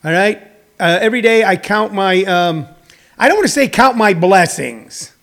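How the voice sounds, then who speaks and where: High-pitched man, halting off-the-cuff show host. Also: animated, a bit bright. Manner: halting, emphatic, with repeated phrases. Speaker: host of a daily live comedy talk show. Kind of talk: off-the-cuff topical monologue.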